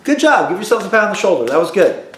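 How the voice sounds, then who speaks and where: Music teacher guy drilling kids on notes, kinda high voice, echoey room. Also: big pitch swings, a bit bright. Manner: call-and-response drilling, slow repeated prompts. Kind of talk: recorded music lesson for children.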